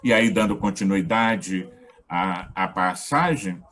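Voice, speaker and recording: A man with a Brazilian Portuguese accent giving a reflective gospel talk as a lay preacher, in short measured phrases with pauses. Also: low-pitched, a bit bright, a little hiss or hum.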